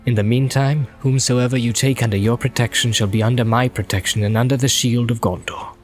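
A man voicing a noble, stern captain in an audiobook, measured, formal and solemn. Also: mid-range voice, fairly even intonation, faint music behind, close to an everyday voice. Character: grave noble male captain, stern and just. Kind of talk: audiobook character voice.

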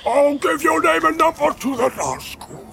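A man voicing a big, hot-tempered male orc soldier who blusters and barks threats in a gravelly voice. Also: a little high, expressive, music in the background, voice pushed up. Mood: shouting. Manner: blustering, quick to shout threats.

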